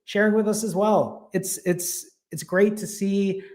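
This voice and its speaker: A man's voice: high voice, fairly even intonation, unhurried, a little mellow. A man, casually hosting a live stream, reading viewer comments and thanking people by name, a little out of breath. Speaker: fasting channel host.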